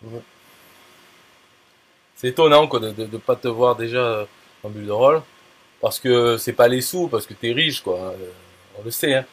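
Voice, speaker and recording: A man's voice: mid-range voice, normal speed, pauses often. A man talking casually and bluntly, full of fillers, restarts and crude slang. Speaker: affiliate marketer. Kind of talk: casual talk to a viewer.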